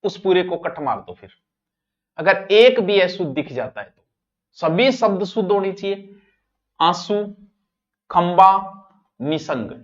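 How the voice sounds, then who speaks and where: A male teacher with a Rajasthani accent giving an exam-prep grammar lesson, talking straight to his students and swinging between loud and soft. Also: sits high, animated, slow pace, long pauses. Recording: dull lo-fi online class audio.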